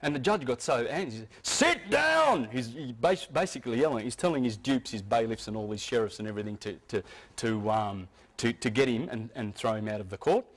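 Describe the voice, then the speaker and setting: A man's voice: mid-range voice, quick pace. A man giving an informal, earnest talk to a live audience. He often stumbles, restarts and repeats words as he explains. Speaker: speaker addressing an audience.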